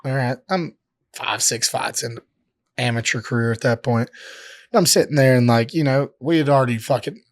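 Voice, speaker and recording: A professional fighter tells stories as a guest on a casual podcast, rambling and swearing freely, with a steady stream of filler words. His voice sits at an ordinary male pitch. The sound is close and dry, with no room in it. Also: a little fast, no echo. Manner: profane, rambling storytelling, heavy filler words. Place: podcast studio.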